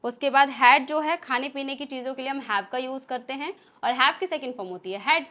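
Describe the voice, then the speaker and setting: A woman with an Indian accent leads a spoken English lesson in a high, bright voice. She explains patiently, one step at a time, and slows right down to read out each example sentence. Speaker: English teacher.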